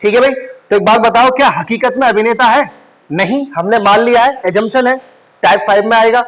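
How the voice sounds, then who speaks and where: A man teaching an online grammar lesson, explaining step by step and often checking that students follow, slowing down to say the English example sentences. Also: very high-pitched, poor audio. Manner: slows right down when saying English example sentences.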